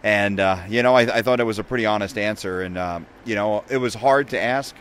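A man's voice: on the low side, a little fast, fairly bright tone, slight background noise. A man in his thirties, a sports radio reporter, speaking earnestly and reflectively in a casual post-game chat rinkside in an empty arena. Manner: reflective, earnest, many repeats.

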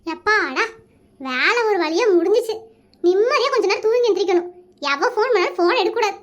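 A performer voicing a chatty, dramatic village woman in an animated cartoon, scolding and whining for comic effect. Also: very high-pitched, a little fast, dull audio. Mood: relieved.

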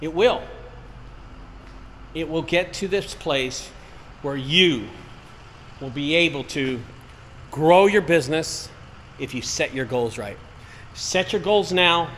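A man's voice: fairly high pitch, fairly bright tone. A man in his late forties walking and talking through a warehouse, giving an earnest, repetitive motivational pep talk about goals. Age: 40s. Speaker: business owner vlogger. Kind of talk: casual walk-and-talk vlog. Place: outdoors and in a large empty warehouse. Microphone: wireless earbud mic, handheld camera. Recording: faint outdoor noise.

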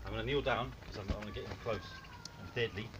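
Talking fast with fairly even intonation and a lowish voice, a middle-aged man offers jokey, mock-dramatic remarks over a home video. He's outdoors in a small back garden, and the muffled camera audio carries noise and clicks.

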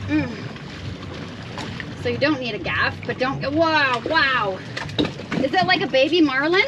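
A woman's voice: high-pitched, lively intonation, unhurried, highs cut off. A woman co-hosting a sailing vlog, exclaiming and giggling as she reels in a fish outdoors on a boat. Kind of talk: casual chat on a boat while fishing. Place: outdoors on a sailboat at sea. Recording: noisy outdoor boat recording.

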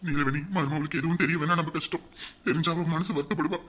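An older man acting a calm, resigned father-in-law who soothes his wife in a family drama. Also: fairly high pitch, fast. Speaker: actor.

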